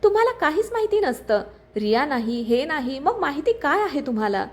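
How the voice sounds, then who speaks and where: A woman's voice: high voice, very animated, moderate pace. A woman voicing a hurt young bride who speaks with a trembling, bitter, tearful voice. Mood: anguished.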